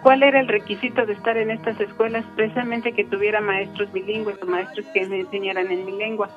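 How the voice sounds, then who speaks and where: A Michoacán woman whose first language is Purépecha is interviewed, calmly reflecting on her life with frequent pauses. Her mid-range voice keeps a level tone. The recording is muffled, with faint music behind her.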